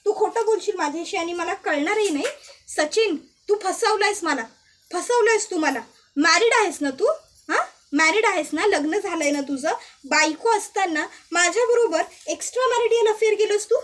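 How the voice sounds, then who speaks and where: A woman's voice: extremely high pitch, a bit bright. A woman voicing a betrayed young woman who turns suspicious and vengeful, talking in an accusing, insistent way.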